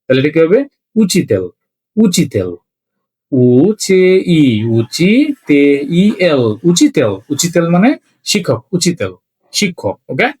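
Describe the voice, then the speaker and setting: Man spelling out words, slightly high voice. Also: darkish tone, breathy edge. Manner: slow, repetitive spelling out letter by letter; checks in with listeners often. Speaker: language teacher. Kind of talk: beginner language lesson.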